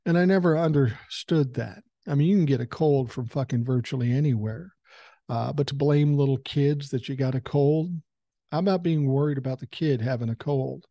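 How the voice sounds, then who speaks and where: A man in his sixties with a common cold hosts a podcast from a room at home, a couch behind him, giving a casual political commentary monologue that's blunt, conversational and now and then profane. His mid-range voice is warm at a normal speed, with no room sound, picked up by a large foam-covered dynamic mic close to his mouth.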